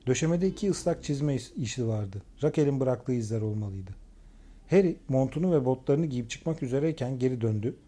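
A man reading a crime novel aloud in steady, measured scripted narration. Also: medium pitch. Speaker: audiobook narrator.

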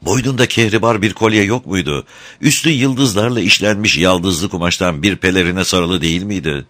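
A man's voice: low-pitched, moderate pace, fairly bright tone, dry recording. A man voicing a poor, grieving beggar mother in a storybook reading. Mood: pleading. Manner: pleading, mournful.

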